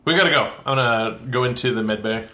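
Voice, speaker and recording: A man's voice: medium pitch, fast talker, sharp tone, reverberant. A man playing in a tabletop role-playing game, casual and joking, swearing freely. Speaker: player. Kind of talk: casual play talk.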